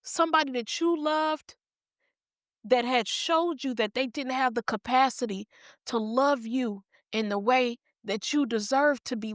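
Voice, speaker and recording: A woman's voice: fairly high pitch, no room sound, studio quality. A woman hosting a podcast, talking in a heartfelt, affectionate, folksy way. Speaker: podcast host. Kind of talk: heartfelt casual chat.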